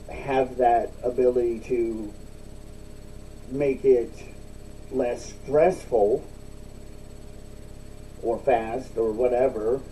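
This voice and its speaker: A man giving a casual, rambling solo vlog talk with chewing tobacco packed in his lip, using repetitive, emphatic phrasing. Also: warm tone. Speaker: video blogger. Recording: distant mic, faint rumbling background noise.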